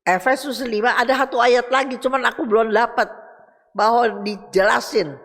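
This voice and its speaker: A woman's voice: a little high, steady tone, normal speed, a bit bright. A woman, giving a chatty Bible study talk and speaking directly to her listeners. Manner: chatty, addresses listeners directly, reads verses aloud. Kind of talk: casual Bible teaching. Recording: reverberant hall.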